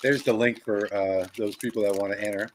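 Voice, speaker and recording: A man's voice: fairly low pitch, fairly even intonation, brisk, a little hiss or hum. A man co-hosting a live stream, reading viewer comments aloud and chuckling often. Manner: chuckles often, relays chat comments to the host. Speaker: co-host reading live chat.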